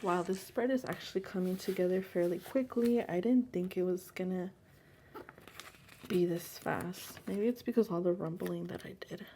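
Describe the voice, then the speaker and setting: Gravelly, mellow-voiced woman chatting casually. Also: on the low side, moderate pace, slight background noise. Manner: chatty, rambling, soft and hushed at times. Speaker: planner vlogger. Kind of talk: casual chat over plan-with-me crafting. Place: home room.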